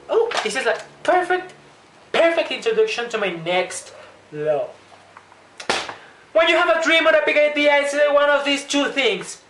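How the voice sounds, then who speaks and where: A young woman giving a joking, animated comedy vlog monologue, talking with playful exaggeration. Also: a little high. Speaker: vlogger. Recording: echoey room.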